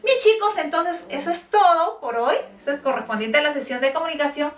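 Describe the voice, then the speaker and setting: High-pitched, animated and brisk, a woman teaches a class of children on camera. She keeps it friendly and frequently stops to ask brief checking questions, recorded from a distance in a room with echo.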